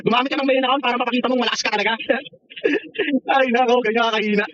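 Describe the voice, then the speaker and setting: Lalaking napakataas ng boses na nanunukso. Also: male voice, very high voice, fairly even intonation, rapid-fire, fairly bright tone, highs cut off, a little hiss or hum. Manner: mocking and taunting, laughing often, swearing freely. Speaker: online gamer. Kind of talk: trash-talking game voice chat.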